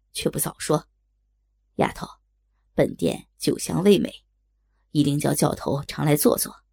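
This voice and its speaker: A woman voicing gruff, brusque common men who work as tavern waiters, in a low gravelly put-on voice. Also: warm tone, no echo, full character voice. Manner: brusque, offhand. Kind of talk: storytelling voice acting.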